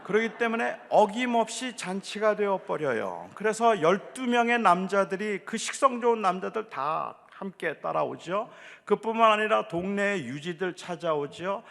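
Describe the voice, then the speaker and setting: A man's voice: sits high, lively intonation, moderate pace, vocal fry, few pauses, fairly bright tone. A male pastor preaching a sermon, telling the story vividly and acting out voices. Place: church. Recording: echoey church hall.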